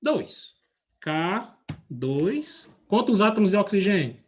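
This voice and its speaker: A man's voice: sits high, sing-song, takes it slowly. Man teaching a chemistry class. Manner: checks in with students by name and asks frequent questions; explains with everyday analogies. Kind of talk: live class explanation.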